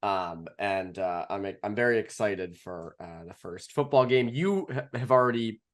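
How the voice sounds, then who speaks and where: On a casual sports podcast, a male co-host with a fairly low, expressive voice speaks at a measured pace. He's wry, tossing out dry jokes amid plenty of "uh"s, fillers, and restarts.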